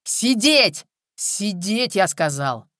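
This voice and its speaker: The narrator voicing an out-of-breath armed man shouting commands. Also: a little high, moderate pace, clean tone, dry recording, studio quality, natural voice. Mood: commanding. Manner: barking commands. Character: panting armed man, tense, threatening.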